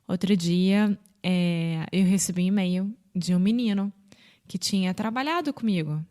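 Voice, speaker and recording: A Brazilian woman with a Rio de Janeiro Portuguese accent co-hosts a language podcast, teaching Portuguese in a casual chat. Unhurried and patient, she explains everyday greetings and acts out examples with bright jumps in pitch.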